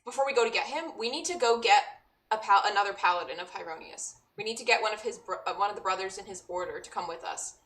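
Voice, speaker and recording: A woman's voice: mid-range voice, fast talker, a bit bright, distant mic. A woman playing a tabletop game, talking eagerly about her character's plans. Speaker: player. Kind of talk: casual tabletop play.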